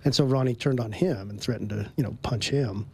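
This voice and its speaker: A man telling a personal story in an interview, relaxed, with frequent ums and little chuckles between phrases. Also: mid-range voice, brisk, creaky, breathy edge. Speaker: guest.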